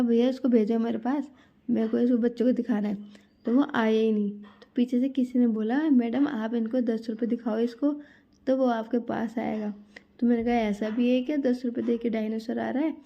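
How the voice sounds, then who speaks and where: Gravelly chatty woman vlogger. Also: a little high, highs cut off. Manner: chatty storytelling, addresses viewers as guys. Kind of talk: casual vlog narration.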